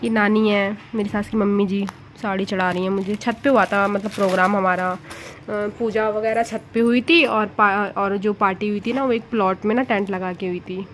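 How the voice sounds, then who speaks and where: A woman's voice: mid-range voice, steady tone, normal speed, slight background noise. Chatty woman narrating her wedding album. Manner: chatty, amused, homely. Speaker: vlogger. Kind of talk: casual chat narrating wedding photos.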